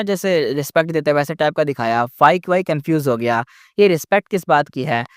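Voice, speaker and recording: Chatty male storyteller with a crisp voice. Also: on the high side, dry recording, studio quality. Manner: chatty, with asides. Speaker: story narrator. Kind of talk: casual storytelling narration.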